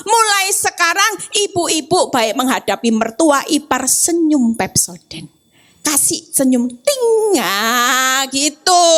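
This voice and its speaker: A high-pitched woman evangelist speaks. She delivers her sermon at an unhurried pace and brings it to life by acting out quoted voices and asides. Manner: lively, acts out quoted voices and asides to the congregation. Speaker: evangelist preacher. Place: church hall, on-site service.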